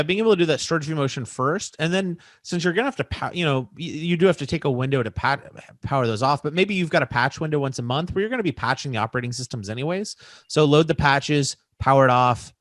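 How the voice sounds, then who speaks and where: A man's voice: mid-range voice, fast, a bit bright, no room sound. Chatty man explaining tech, dry sound. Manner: chatty, uses many fillers. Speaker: technical expert answering questions. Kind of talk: casual technical explainer.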